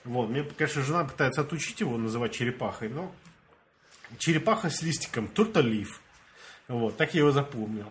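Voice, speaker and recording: In a brisk, medium-pitched voice, a young Russian man recounts a story among friends. He brings it to life by performing the dialogue and breaks into laughter often.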